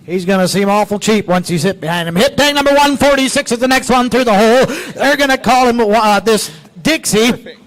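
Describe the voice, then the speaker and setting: A man's voice: high-pitched, brisk, fairly bright tone. A man announcing at a livestock auction, describing the animals for sale in folksy salesman patter. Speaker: auction announcer, pedigree reader.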